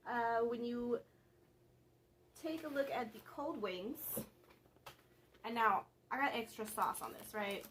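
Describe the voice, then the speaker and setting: A woman's voice: fairly high pitch, lively intonation, slow, long pauses, a bit bright, slight background noise. Chatty young woman vlogging at home. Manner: chatty, rambling, laughs between thoughts. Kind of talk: casual vlog chat.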